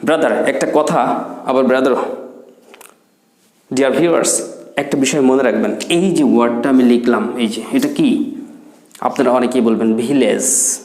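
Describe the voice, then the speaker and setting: A man's voice: mid-range voice, normal speed, pauses often, a little mellow. A man teaching a spoken English lesson, patiently explaining and repeating words, slipping English phrases into his talk. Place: classroom with board and chair. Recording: echoey room.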